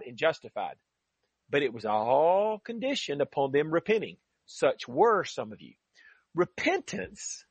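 Man, husky, radio Bible teacher, emphatic, animated pitch, dry studio sound. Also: dry recording. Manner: earnest, emphatic preaching with scripture readings.

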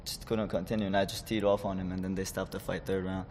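Young fighter from Chechnya, lower-pitched man, casual interview talk, some hall reverb. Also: flat delivery, fast talker, a little mellow, slight background noise. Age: 20s. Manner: loose, rambling, many fillers and restarts. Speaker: guest, amateur fighter.

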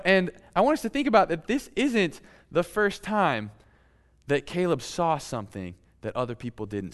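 A man preaching a sermon in a relaxed, conversational way, with playful asides to his congregation. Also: a little high, clean tone. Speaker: pastor.

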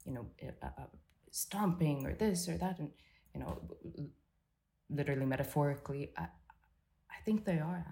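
In a reflective conversational interview, a thoughtful psychotherapist works through her ideas aloud, her delivery halting and full of fillers and restarts. She is a woman with a low, mellow voice.

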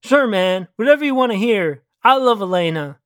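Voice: medium pitch, animated, moderate pace, no echo, natural voice. A reader voicing a crude, laid-back young man who talks in slang, calling everyone man and girl, in a dry close recording. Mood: grumpy, groggy. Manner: drawling street slang, calls people man and girl. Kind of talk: storybook reading.

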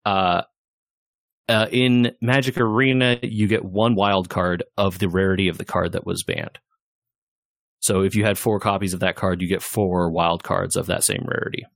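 Low-voiced man in casual podcast chat. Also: moderate pace, creaky, no room sound, clean studio sound. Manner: relaxed, rambling with fillers. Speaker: podcast co-host. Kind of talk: casual gaming news chat.

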